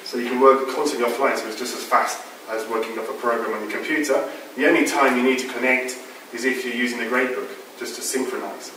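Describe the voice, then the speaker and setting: This middle-aged presenter talks fast and forcefully, his medium-pitched voice bright and steady, in a casual conference talk full of fillers with audience questions. He's in a large lecture hall without a microphone, recorded by a far room mic that yields echoey, distant audio with a little hiss or hum.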